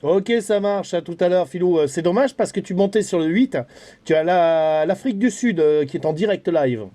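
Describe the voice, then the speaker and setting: A middle-aged Frenchman, an amateur CB radio operator and vlogger, chats casually and colloquially over CB radio as a hobby. His voice is high and warm, at a moderate pace.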